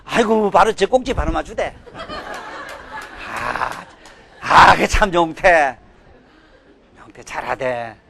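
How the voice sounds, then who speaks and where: An older man giving a sermon, scolding and emphatic, swinging from loud outbursts to low mutters. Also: expressive, slow, creaky, long pauses, breathy edge. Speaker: Buddhist dharma teacher.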